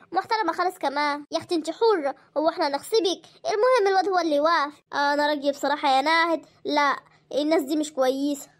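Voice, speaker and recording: A speaker with an Egyptian accent who performs every role of a family drama series, trading quick, bickering household dialogue. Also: extremely high pitch, a bit bright. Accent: Egyptian Arabic.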